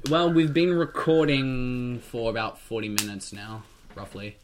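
A man's voice: mid-range voice, steady tone, a little slow, noisy background. A young man hosting a casual podcast chat, teasing his friends, swearing a lot and laughing easily. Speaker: podcast host. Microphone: shared studio mic.

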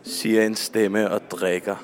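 A man narrating a radio drama, reading stage directions in a flat, repetitive way. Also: on the low side, soft background music.

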